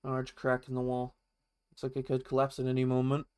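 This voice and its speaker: A man with a clear, smooth voice at a middling pitch plays a game on a live stream. He comments casually as he goes, with a wry, playful manner, sometimes reading text off the screen. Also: completely flat delivery, brisk, a little mellow.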